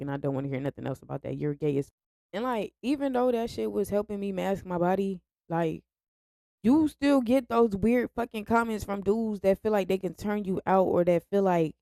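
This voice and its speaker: A woman's voice: medium pitch, fairly quick, warm tone, no room sound, studio quality. A young woman speaking candidly to her viewers in a confessional vlog, frank and direct. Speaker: vlogger. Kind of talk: candid personal vlog monologue.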